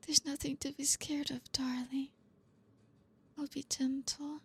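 A young woman whispering softly in an intimate ASMR roleplay, reassuring and coaxing, with frequent low hums. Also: level tone. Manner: soft unvoiced whispering, slow and soothing.

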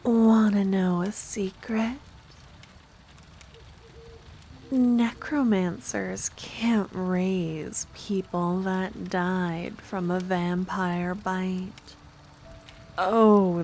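A woman's voice: medium pitch, animated, dark tone, soft background music. A woman voicing an ancient, seductive and possessive female vampire in an intimate, teasing ASMR role-play. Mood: sly, teasing. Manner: slow, intimate, teasing, drawn-out delivery.

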